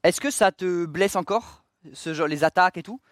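A man's voice: high voice, normal speed, no echo. A man co-hosting a casual studio interview, asking questions in a teasing, joking way. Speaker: co-host interviewer.

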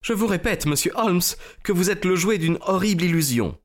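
A man's voice: brisk, natural voice. A man voicing a proud, desperate young noblewoman who pleads in a raised, emotional voice. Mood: defiant. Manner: high-pitched, pleading, emotional. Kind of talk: audiobook character voice.

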